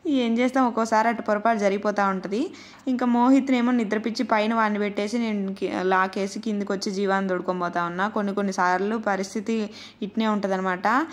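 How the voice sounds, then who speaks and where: A Rayalaseema-accented woman in her thirties tells her viewers about her household's day in an easy, homely way. Her voice sits at an ordinary middle pitch. It sounds like a relaxed, chatty vlog voice-over. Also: fast talker. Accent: Rayalaseema Telugu. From Andhra Pradesh, India. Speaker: vlogger and mother. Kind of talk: casual narrated vlog voice-over.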